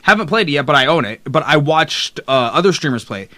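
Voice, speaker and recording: A man's voice: fairly high pitch, lively intonation, quick pace, sharp tone, no room sound. A young man streaming live, chatting casually and rambling through a list of games while reading the chat aloud. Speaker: streamer host. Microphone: desk mic close up.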